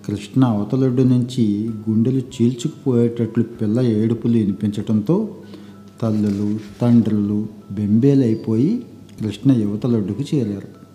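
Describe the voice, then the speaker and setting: Low, dark-voiced male storyteller. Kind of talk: storytelling narration. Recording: echoey room with faint background noise.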